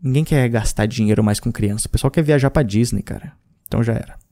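A fast-talking Brazilian man in his thirties with a mid-range, dark-toned voice hosts a podcast. His casual chat about listener messages rambles, with slang and frequent restarts.

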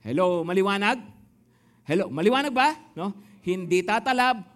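A man's voice: sits high, moderate pace. A male pastor in his thirties preaching to a congregation, telling stories and calling out questions to the crowd while mixing Tagalog and English. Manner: mixes Tagalog and English in lively storytelling. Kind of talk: sermon. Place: church before a congregation.

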